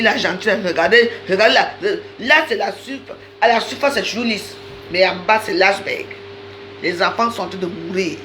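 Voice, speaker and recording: A woman's voice: fairly high pitch, a bit bright, slight background noise, poor audio. Woman ranting insistently at viewers. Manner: accusatory, insistent, addresses viewers directly; repeats and restarts phrases. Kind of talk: heated live-stream rant.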